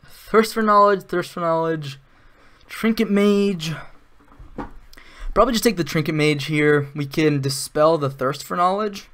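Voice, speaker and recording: A man's voice: on the high side, normal speed, fairly bright tone. A man giving casual live-stream commentary while playing an online card game, thinking aloud, with sarcastic asides.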